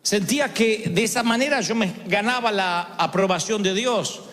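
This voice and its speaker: A man's voice: high voice, moderate pace, a bit bright, in a large hall. A middle-aged man with an Argentine Spanish accent preaching a sermon, dramatic storytelling that acts out voices. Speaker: pastor.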